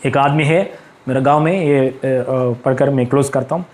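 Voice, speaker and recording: A man's voice: medium pitch, normal speed, darkish tone. A male pastor preaching a fervent sermon in a church, breaking in with hallelujah again and again. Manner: fervent, repeats hallelujah constantly.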